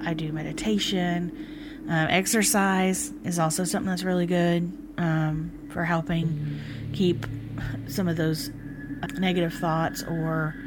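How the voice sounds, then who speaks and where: A woman with an American accent hosting a personal podcast, talking casually and candidly in a reflective way with halting phrasing and pauses. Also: lowish voice. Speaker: podcast host. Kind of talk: personal solo podcast talk, casual confiding. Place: indoors in a room by a window.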